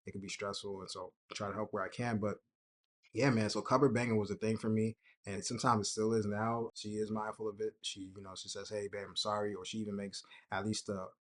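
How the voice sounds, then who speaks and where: A young man hosting a casual personal talk, relaxed and conversational, often laughing and acting out what others said. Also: fairly low pitch, fast talker. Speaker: host.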